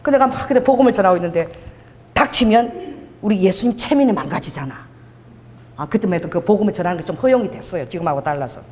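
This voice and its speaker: A woman's voice: medium pitch, fast. A middle-aged woman pastor giving a sermon, telling stories and acting out what people said to her. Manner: animated, storytelling, acts out quoted dialogue. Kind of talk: sermon with told anecdotes. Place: church sanctuary. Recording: long church hall reverb.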